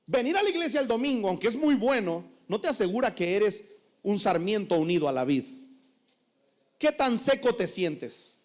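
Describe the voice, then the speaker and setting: High-voiced pastor preaching. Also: male voice, moderate pace. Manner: animated, humorous preaching with rhetorical questions. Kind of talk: sermon.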